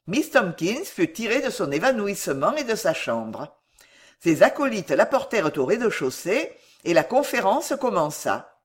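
A woman narrating a classic novel as an audiobook in an expressive storytelling manner. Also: medium pitch, husky. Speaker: audiobook reader.

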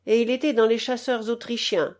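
A woman's voice: a little high, little pitch movement, normal speed, darkish tone, close to an everyday voice. A woman reading aloud voices a worried middle-aged innkeeper father, in a plain and earnest tone.

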